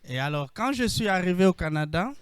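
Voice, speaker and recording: A man from the Democratic Republic of the Congo with a Congolese French accent, introducing himself on a panel in a measured way with frequent hesitations over a video call. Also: sits high, animated, clear, resonant tone, no echo. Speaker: panelist, co-op founder.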